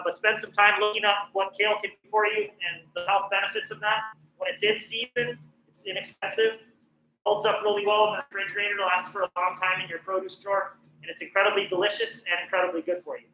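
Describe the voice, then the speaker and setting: A man's voice: high-pitched, pushed and bright, reverberant, poor audio. A middle-aged man from northern New Mexico, a professional chef giving a chatty, encouraging cooking class with plenty of "um" fillers. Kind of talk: casual cooking presentation.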